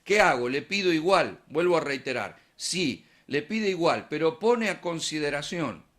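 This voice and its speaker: A man's voice: a little high, animated, moderate pace, fairly bright tone. Man preaching in Argentine Spanish. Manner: conversational preaching, asks and answers his own questions. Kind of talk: sermon.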